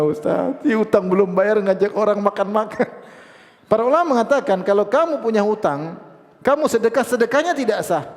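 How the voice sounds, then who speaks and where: Speaking in a high voice inside a large hall, a man gives an Islamic lecture. This preacher's storytelling is lively, and he acts out the voices of the people he describes.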